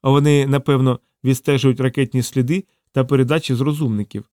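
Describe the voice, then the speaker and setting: A man's voice: mid-range voice, steady tone, fast, darkish tone, dry recording, clean studio sound, lightly acted. A man voicing a blunt, tough female pilot. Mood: tense.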